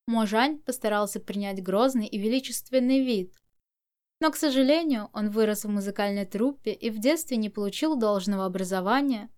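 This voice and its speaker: A woman narrating a novel as a scripted audiobook, with expressive storytelling. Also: on the high side.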